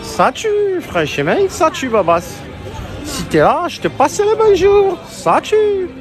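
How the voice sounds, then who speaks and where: At an outdoor theme park, a male livestream host vlogs on a handheld phone in an extremely high voice whose pitch swoops wildly, though his pace stays measured. He's chatty and slangy, swearing now and then, with park music and crowd noise in the background.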